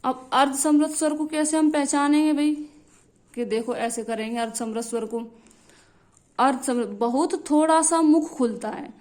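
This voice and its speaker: A woman's voice: high-pitched, moderate pace, a little mellow. A young woman teaching a lesson, repeating key phrases and checking in often with her students. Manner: repetitive, drilling phrases, frequent checks like "theek hai".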